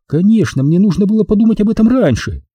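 A man's voice: sits high, lively intonation, fast talker, mellow, slightly rough, no echo, pitched above the performer's own voice. A man voicing a glamorous, imperious female film star who talks sweetly but gives orders. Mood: coaxing sweet. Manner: sweetly cooing, commanding.

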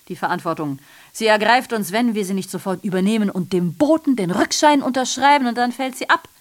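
In a literary radio drama monologue, an actress plays a female messenger recounting atrocity with biting irony. Her delivery is deliberate and declamatory, and her voice is a little high.

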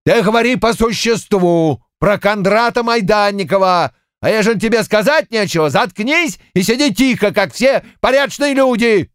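A man's voice: high-pitched, normal speed, hardly any pauses, a bit bright, smooth, dry recording, pitched above the performer's own voice. A stern, curt party secretary, read by a male narrator, laying down orders in a firm voice. The voice sits a little above the reader's own and stays dry and close.

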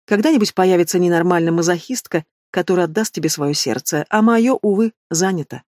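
A woman voicing a sharp-tongued young female student who answers with cool, mocking retorts. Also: lowish voice, fairly quick, no echo, studio quality, lightly acted.

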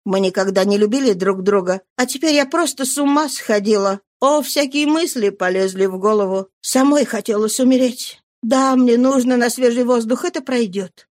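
A woman's voice: a little high, normal speed, few pauses, a little mellow, dry recording, clean studio sound, lightly acted. A woman voicing Rose, a shaken, grieving woman who murmurs in a dazed way.

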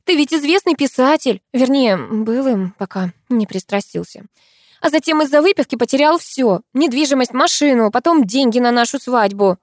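A woman's voice: high voice, lively intonation, normal speed, dry recording, clean studio sound, voice pushed up. Lyuba: a woman doing a sugary scheming young woman. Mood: sugary, scolding. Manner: bright, coaxing, sugary. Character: sweetly scheming young woman, fake fiancée. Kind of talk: audiobook reading.

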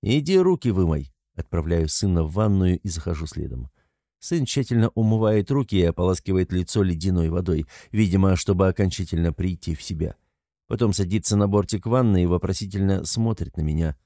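A man's voice: low voice, a little fast, dark tone, no echo, studio quality. A middle-aged man narrating a first-person audiobook in a wry, teasing manner.

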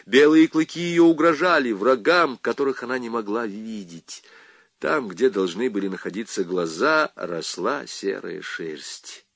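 Guy reading an audiobook, lively up-and-down voice, dry close mic. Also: on the low side, measured pace, creaky, dry recording. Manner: expressive, dramatic storytelling. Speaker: narrator. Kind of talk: scripted audiobook narration.

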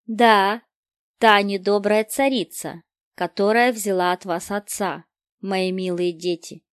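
A woman reading aloud, voicing a kind, soft-spoken middle-aged empress, in a dry close recording. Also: medium pitch, steady tone, slow pace, clear, resonant tone, no room sound, natural voice. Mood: gentle.

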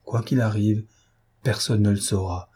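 A man's voice: on the low side, steady tone, unhurried, breathy edge. A man voicing a grave secretive lady. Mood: firm. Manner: firm and hushed. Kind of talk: audiobook character voice.

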